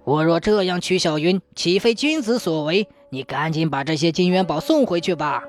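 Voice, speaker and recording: Upright young peasant man for a storybook, earnest and plain, pitched low, played by a woman. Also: lively intonation, normal speed, soft background music, natural voice. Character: young honest poor male tofu seller.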